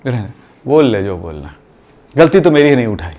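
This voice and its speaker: A man's voice: medium pitch, big pitch swings, moderate pace, darkish tone, pitched below the performer's own voice, lightly acted. A man acting out a tired mother who scolds her son for oversleeping. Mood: resigned.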